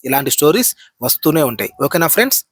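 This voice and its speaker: A man's voice: fairly high pitch, sing-song, fast talker, no echo, clean studio sound. A man hosting a horror channel, telling a ghost story in a chatty spoken way, repeating phrases and tagging lines with a filler.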